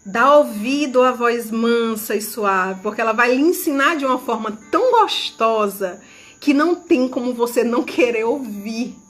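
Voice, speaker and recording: A woman's voice: fairly high pitch, lively intonation, moderate pace, a bit bright. A woman leading a church youth ministry, preaching an emotional testimony and repeatedly calling out to her listeners. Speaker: youth ministry leader giving a testimony sermon.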